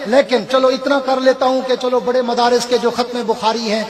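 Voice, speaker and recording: A man's voice: very high-pitched, flat delivery. A middle-aged man with a Pakistani accent, a religious orator addressing a rally from the stage in an emphatic, devout and deferential way. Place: large religious gathering stage. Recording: loud crowd noise behind. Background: crowd.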